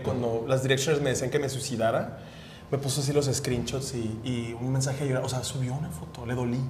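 A man, a comedian guest, telling stories in a fast, profane, animated way during casual podcast chat. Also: mid-range voice, slight background noise. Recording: echoey room with faint ambience.

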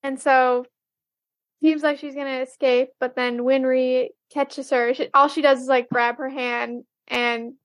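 A woman's voice: high-pitched, flat delivery, unhurried, no echo. A woman co-hosting a podcast, recapping an episode casually and hesitantly, with many fillers. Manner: hesitant, full of "um" and "like". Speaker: podcast co-host.

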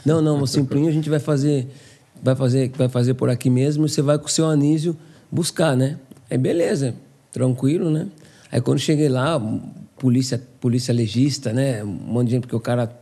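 Fast-talking man telling stories. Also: medium pitch. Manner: animated, acts out quoted dialogue. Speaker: podcast guest. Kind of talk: casual storytelling.

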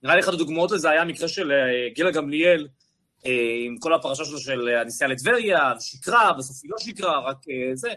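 Bright, animated man on a panel. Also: a little high. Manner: animated storytelling, many fillers. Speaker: journalist panelist. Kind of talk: panel discussion.

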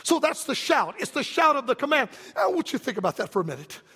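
A man preaching a fiery revival sermon in an emphatic, rhythmic cadence that climbs to shouts. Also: extremely high pitch, big pitch swings, fast, husky, long reverb tail.

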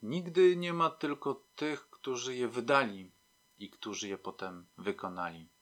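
A man's voice: mid-range voice, a little slow, fairly bright tone, natural voice. A man voicing a proud, frightened older woman in an audiobook. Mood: bitter. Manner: pleading, then bitter and dignified.

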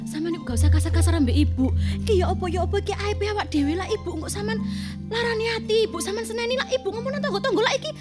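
A woman's voice: very high voice, very fast, few pauses. A woman playing a tired, defiant young wife in a family drama, speaking. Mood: reproachful. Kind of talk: Javanese family drama acting. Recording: loud music under the dialogue.

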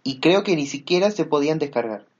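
A man's voice: on the high side, animated, a little fast, breathy edge, dull audio. A man in a casual chat, talking hesitantly with many fillers as he explains things.

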